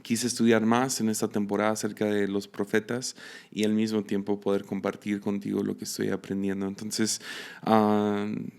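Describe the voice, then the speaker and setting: A man's voice: on the low side, monotone, normal speed, gravelly, darkish tone, smooth. A man in his thirties with a Mexican Spanish accent, hosting a solo podcast in a casual, hesitant way with many fillers and restarts. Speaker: podcast host and missionary.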